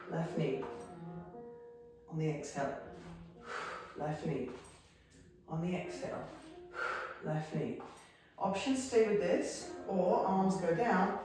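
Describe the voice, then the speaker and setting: Woman, yoga teacher, lowish voice, encouraging cues, very echoey room, piano music behind. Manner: encouraging, cueing moves on the breath with light laughs. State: a little out of breath at times. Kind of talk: guided yoga class instruction. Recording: very echoey room, mic from far off. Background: soft piano music.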